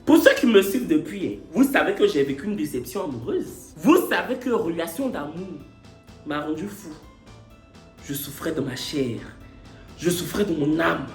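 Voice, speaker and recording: A man confides his love story to camera, a little tipsy late at night. His delivery is theatrical and playful, with lively rises and falls and lots of repetition. The room around him is echoey, with faint music underneath. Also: on the high side, normal speed. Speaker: YouTuber telling his own story. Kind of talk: comic confessional vlog.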